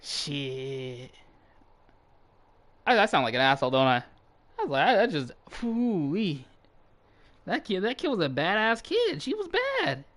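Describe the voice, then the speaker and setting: A man's voice: high-pitched, fast. A young man casually telling a family story while he plays a game, laughing and swearing as he goes. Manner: animated, swears freely, laughs mid-story. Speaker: channel host.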